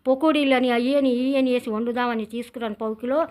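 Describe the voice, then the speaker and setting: Woman, middle-aged, telugu village accent, high voice, rambling home cooking vlog talk. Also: steady tone, quick pace, a little mellow. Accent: Telugu village speech. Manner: chatty, rambling storytelling with many restarts. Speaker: cooking channel host. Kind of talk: casual cooking vlog narration.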